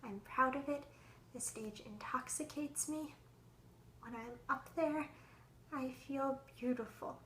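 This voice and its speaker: A young woman acting a stage monologue as a fragile, haunted young actress worn down by heartbreak, her voice swinging between hushed whispers and raised outbursts. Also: high voice, takes it slowly, a little hiss or hum. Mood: searching. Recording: echoey room.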